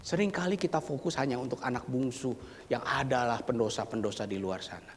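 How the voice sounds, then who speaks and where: A male preacher giving a sermon, dramatic and swinging from loud exclamations to near whispers, in a church sanctuary. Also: medium pitch, fairly quick, a little hiss or hum. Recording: reverberant church hall.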